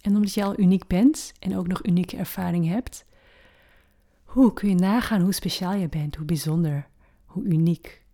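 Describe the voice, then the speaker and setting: Woman, meditation guide, dark relaxed tone, slightly low pitch, soft breathy near-whisper, gentle, unhurried with long pauses.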